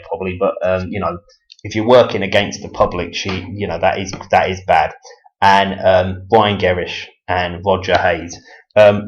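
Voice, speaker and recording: Low-voiced man, rambling. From Medway, Kent, England. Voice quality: chatty and mocking, chuckles often, lots of ums and restarts. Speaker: video blogger. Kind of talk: casual rambling monologue to camera. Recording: dull lo-fi home recording.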